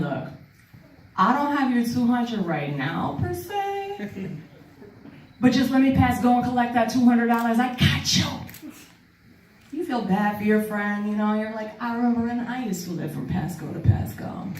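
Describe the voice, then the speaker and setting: A woman from New York City doing a stand-up comedy set in a small club. She talks in a lively way and laughs at her own jokes. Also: fairly high pitch, slight background noise. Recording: echoey club room, mic at a distance. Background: audience laughter.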